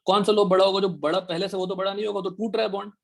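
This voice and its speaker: Raspy high-voiced male teacher quizzing. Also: little pitch movement. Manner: quizzing students with rapid questions. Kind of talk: online chemistry class, Hindi mixed with English.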